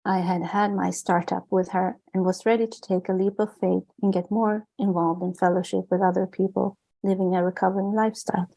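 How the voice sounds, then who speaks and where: A woman from Sweden with a Swedish accent, an author reading aloud from her own book in an earnest, measured way with small restarts. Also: mid-range voice, little pitch movement, gravelly, dark tone, rough recording. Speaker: author and guest.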